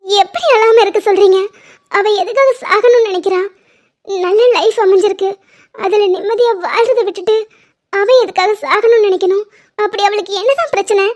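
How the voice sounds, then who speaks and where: A very high, piping voice with a dark, mellow tone: an impulsive, loyal young heroine, as a woman dubs her in a cartoon love story. She pleads and presses with tearful urgency. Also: fairly even intonation, fairly quick. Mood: distraught. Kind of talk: Tamil cartoon dubbing.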